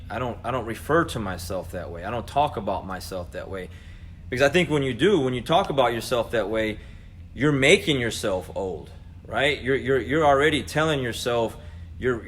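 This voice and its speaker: A jiu-jitsu coach and vlog host, an American in his forties, addresses his listeners with a casual, earnest pep talk. His voice is fairly low and a bit bright. The background ambience is noticeably noisy.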